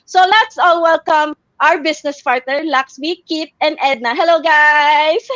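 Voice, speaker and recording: A woman hosting a live online talk, introducing her guests with many pauses and fillers. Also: high voice, a bit bright, dry recording. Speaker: host. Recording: dull lo-fi dry sound.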